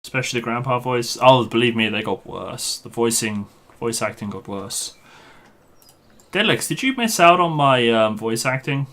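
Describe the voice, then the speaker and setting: Matey male game streamer, bright voice. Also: medium pitch, lively intonation, normal speed. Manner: matey, informal address to the group. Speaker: live streamer, host. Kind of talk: casual live gaming commentary, chat with viewers.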